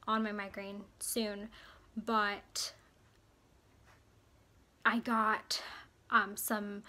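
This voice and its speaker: A woman's voice: mid-range voice, sharp tone. A young woman chatting through a casual haul vlog, rambling with fillers and sounding slightly out of breath. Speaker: mom vlogger.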